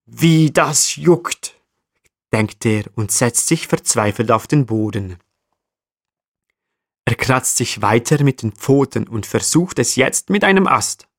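Male storyteller, mid pitch, slow and gentle, talks straight to the listener. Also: lively intonation, dry recording, studio quality. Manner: gentle, addresses the listener directly. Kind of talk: children's story narration.

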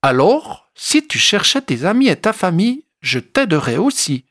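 A storyteller voicing a cheerful, eager young male marmot who calls out brightly in a dry close recording. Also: medium pitch, very animated, normal speed, no room sound, pitched above the performer's own voice.

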